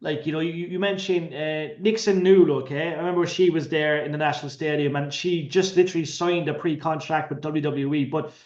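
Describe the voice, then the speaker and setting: A man with an Irish accent hosts a casual interview. His voice is on the high side and he rambles with a fan's effusiveness. The recording is echoey and somewhat muffled. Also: steady tone, brisk, few pauses. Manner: effusive, rambling, sweary fan. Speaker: interviewer, host. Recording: echoey, dull lo-fi sound.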